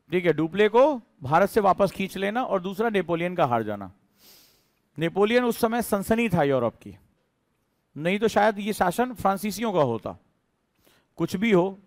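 A man's voice: high-pitched, no room sound. A man teaching a history class in a conversational lecture style, asking his students questions as he explains.

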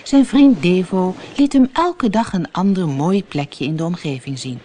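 A woman narrating a children's storybook in a lively, expressive reading. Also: on the low side, measured pace, a little hiss or hum.

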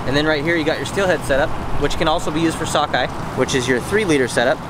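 A man's voice: on the high side, quick pace, heavy background noise. Young man giving a riverbank fishing tutorial. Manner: casual, instructive, talks viewers through steps with "okay?" checks. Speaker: fishing channel host. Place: outdoors on a riverbank by brush. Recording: loud outdoor river ambience behind voice.

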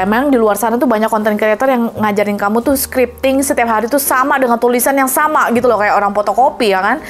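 A young woman coaching viewers in a casual Q&A monologue, chatty and encouraging, dropping English phrases into her talk. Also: a little high. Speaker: manifestation coach.

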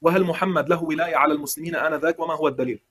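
A man with a Lebanese accent argues in a heated religious debate. He talks very fast in a fairly high voice, colloquial and combative, and cuts in often. His delivery stays pressing and argumentative. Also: steady tone, a bit bright.

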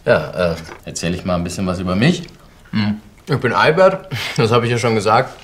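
An eager, awkward young man in a naturalistic film drama. He speaks hesitantly in a slightly low voice, with faint noise around him indoors. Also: very animated, a little fast. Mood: awkward, chatty. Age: 20s. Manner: hesitant, nervous, chuckling filler speech. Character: polite, awkward, eager young male student flat-hunter. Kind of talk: naturalistic short-film acting. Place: indoor living room.

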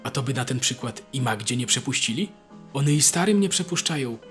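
A man's voice: medium pitch, animated, fairly quick, fairly bright tone, soft background music, close to an everyday voice. A man voicing a simple, timid peasant soldier who asks naive, fearful questions in a rural dialect. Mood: naive, frightened. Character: simple, timid young peasant soldier, big and slow-witted.

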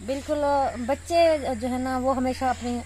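A woman's voice: high voice, moderate pace. A woman vlogging in a casual chat to her viewers, earnest and prayerful, sweating in the heat. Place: outdoors in a village. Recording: loud outdoor noise behind.

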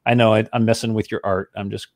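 A man's voice: lowish voice, little pitch movement, quick pace, no echo, studio quality. A man hosting a casual livestream chat over a video call, talking with enthusiasm and acting out his own thoughts. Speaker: host.

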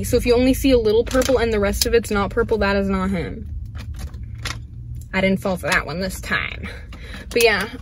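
A young woman vlogging casually, chatty and gushing, with many fillers. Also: fairly high pitch. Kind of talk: casual unboxing vlog.

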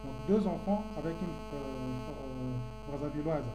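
A man talks earnestly, repeating his phrases to press the point. He is recorded in a roomy, echoing space with music clearly playing behind him. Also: medium pitch, unhurried. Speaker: debater. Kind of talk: online debate.

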